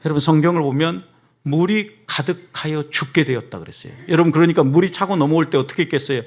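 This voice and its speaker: A middle-aged man preaching a sermon as pastor, often calling out to the congregation, moving between soft asides and emphatic rises. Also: on the high side, fast talker.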